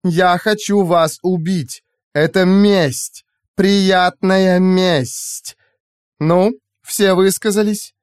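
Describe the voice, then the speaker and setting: A man's voice: high voice, big pitch swings, unhurried, no echo, studio quality, voice pushed up. A man voicing a cold, sarcastic female artificial intelligence with a honeyed, mocking manner.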